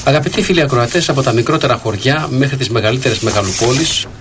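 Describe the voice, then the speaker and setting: A male radio host speaking into a studio microphone in a measured, preacherly manner. He pauses often on drawn-out fillers as he addresses his listeners, and his voice sits at an ordinary male pitch with a faint hiss behind it. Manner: measured, preacherly, with frequent hesitations. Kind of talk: religious radio talk.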